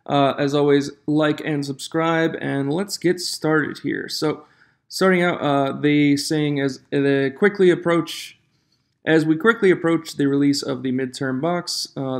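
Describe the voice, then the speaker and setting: A man hosting an informal, opinionated card game commentary for viewers, his voice echoing in a reverberant room on a makeshift microphone. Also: a little high. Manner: informal, opinionated, reads card text aloud. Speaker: YouTube host of a trading card game channel. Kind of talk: casual news commentary to viewers. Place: echoing room outside the usual studio.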